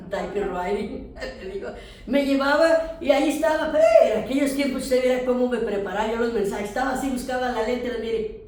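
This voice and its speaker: A woman pastor with a Mexican accent, teaching a church class in a lively storytelling way and speaking straight to her listeners. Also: fairly high pitch, fairly quick. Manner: animated storytelling, addressing listeners directly. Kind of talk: sermon-style teaching with testimony. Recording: very echoey room, distant mic.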